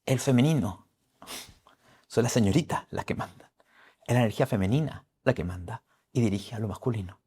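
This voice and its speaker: A man's voice: medium pitch, fairly quick, pauses often, warm tone, slightly rough. A middle-aged man giving an astrology forecast talk, emphatic and preacherly, repeating key phrases.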